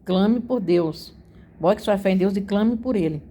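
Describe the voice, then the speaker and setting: A woman's voice: medium pitch, unhurried, mellow, slight background noise. A woman giving an emotional religious testimony. She talks earnestly, repeats her phrases and keeps turning to her listeners. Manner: earnest, repetitive, addresses listeners as "gente".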